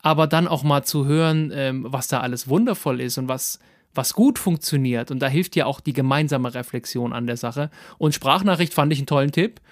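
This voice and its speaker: A man's voice: mid-range voice, a little fast, no room sound, clean studio sound. A man hosting a podcast interview, asking questions with frequent restarts and repeated words. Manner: hesitant, repeats words while forming questions. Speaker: podcast host. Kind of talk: conversational interview.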